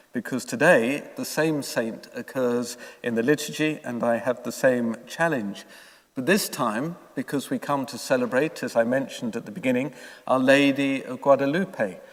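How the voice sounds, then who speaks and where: A man, a priest, reading the gospel and preaching calmly in a long cathedral echo. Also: mid-range voice. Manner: calm, conversational preaching with pauses. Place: large church. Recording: echoey church from far off.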